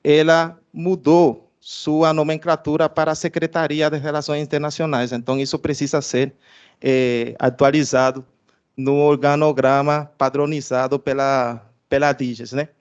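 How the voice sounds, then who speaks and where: A man's voice: a little high, flat delivery, moderate pace, clean tone, highs cut off. Cuban-accented man giving a formal presentation. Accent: Cuban Spanish. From Cuba. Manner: hesitant, many filler sounds and restarts. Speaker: research director giving an institutional presentation.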